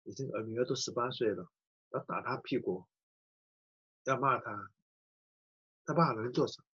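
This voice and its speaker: A middle-aged man, a pastor, telling a personal story in a sermon with a husky voice. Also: mid-range voice, normal speed, lo-fi sound. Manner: animated storyteller acting out quoted voices.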